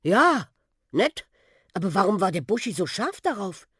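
A woman's voice: medium pitch, sing-song, moderate pace, a bit bright, husky, dry recording, clean studio sound, voice pushed up. A woman voicing a curious, kind young boy who keeps asking eager questions, in a storybook reading.

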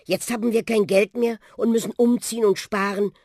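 A reader voicing a young boy in a children's audiobook, excitable and wide-eyed. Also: medium pitch, a little fast, dry recording, clean studio sound, pitched above the performer's own voice, lightly acted. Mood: subdued. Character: young boy, startled then sad. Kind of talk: audiobook role voice.

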